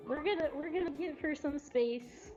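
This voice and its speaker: Presenting adoptable cats from a cat cafe, a woman narrates an unscripted livestream at normal speed, giggly and informal as she takes her time. Her voice is on the high side. Soft music plays in the background, and the sound is slightly dull.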